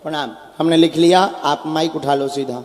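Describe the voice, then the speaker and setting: A man's voice: on the high side, moderate pace. Man preaching to a crowd, echoey. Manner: calm, blessing and reassuring. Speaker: religious preacher on stage. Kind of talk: addressing a large crowd from stage. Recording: echoey hall mic with long reverb.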